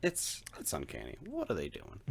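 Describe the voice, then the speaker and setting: Casting: male podcast co-host, low and very animated, quick to laugh, self-mocking. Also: vocal fry, husky. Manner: animated, laughs often, self-deprecating jokes. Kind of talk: casual podcast chat.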